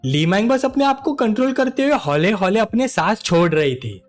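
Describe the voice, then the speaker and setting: Story recap narrator, animated and lively, soft music underneath. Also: mid-range voice, moderate pace.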